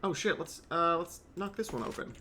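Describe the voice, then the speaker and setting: A man's voice: a little high, animated, moderate pace, sharp tone, slight background noise. A young man streaming a game, rambling wryly with swearing asides as he plays. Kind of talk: casual gameplay commentary.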